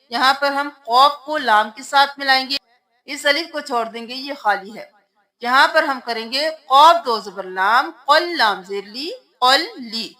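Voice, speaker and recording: Bright high-voiced woman teaching recitation. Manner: patient, spells words out letter by letter. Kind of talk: tajweed lesson.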